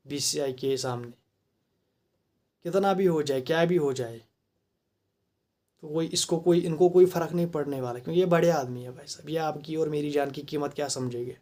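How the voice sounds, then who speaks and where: A man's voice: a little high, a little mellow. A man with a Kashmiri accent giving a heated, rhetorical opinion monologue, mixing English phrases into his talk. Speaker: commentator.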